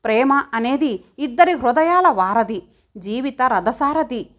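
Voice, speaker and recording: Woman audiobook narrator, high voice, measured first-person storytelling. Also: animated.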